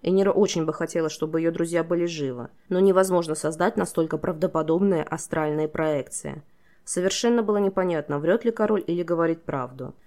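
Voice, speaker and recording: Low-voiced woman for steady, expressive fantasy audiobook narration. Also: fairly quick.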